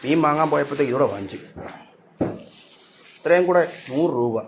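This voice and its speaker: A man, narrating his home cooking in a relaxed, chatty way. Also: a little fast, noisy background. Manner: chatty, talks fondly to his cats in a higher voice. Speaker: cooking vlogger.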